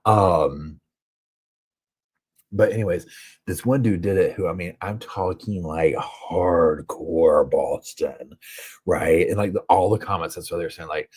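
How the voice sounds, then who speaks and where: Streaming live from a hotel room, a Southern-accented true crime host chats away and reads out viewer comments as they come in. His low voice is a bit husky and darkish, and he talks a little slowly. He rambles through loose, easygoing asides and packs his talk with filler words.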